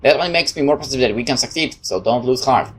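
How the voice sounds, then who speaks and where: Woman playing a low-voiced, protective, confident mistress. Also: animated, quick pace, faint music behind. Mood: reassuring. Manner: firm, reassuring, low. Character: protective, confident mistress, tender with her follower.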